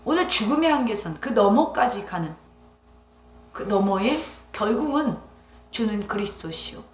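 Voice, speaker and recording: A woman's voice: medium pitch, lively intonation, moderate pace. A woman pastor preaching a Sunday sermon, emphatic, with rising exclamations and rhetorical questions to the congregation. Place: church sanctuary. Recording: echoey church hall.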